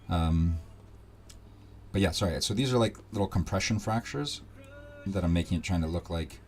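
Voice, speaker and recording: A man's voice: low voice, moderate pace, darkish tone. A man giving casual, rambling commentary into a desk microphone while he draws digital art on a live stream. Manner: rambling, chatty and self-deprecating. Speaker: digital artist streaming his work. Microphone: desk microphone with a level meter.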